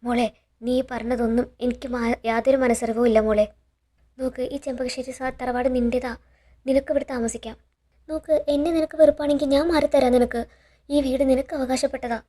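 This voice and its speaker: A woman's voice: sits high, flat delivery, a little fast, dark tone. A woman voicing a pleading, tearful older mother in a serial retelling.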